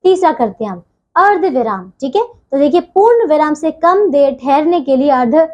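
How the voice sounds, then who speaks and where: A woman teaching a grammar lesson to children, patient and steady, pausing between phrases and often checking they follow. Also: high-pitched. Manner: patient, keeps asking "theek hai bachchon?"; leaves deliberate pauses between phrases.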